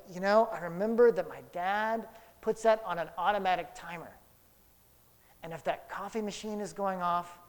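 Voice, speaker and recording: A man preaching a sermon, telling a childhood story and then drawing Bible lessons from it, with big swings between loud and soft. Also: sits high. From Houston area. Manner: storytelling, dramatic swings in loudness. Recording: long hall reverb.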